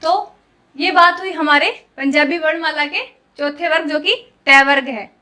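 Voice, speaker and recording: A woman's voice: high voice, fairly even intonation, a little slow, bright, forceful tone. A woman teaching a Punjabi script lesson online, patiently explaining each letter step by step as she writes it and addressing viewers as guys.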